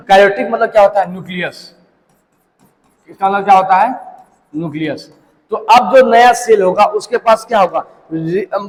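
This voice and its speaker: Recorded roughly in a large hall, a young man with a high-pitched voice delivers a biology lecture, telling a story and supplying answers to the questions he asks.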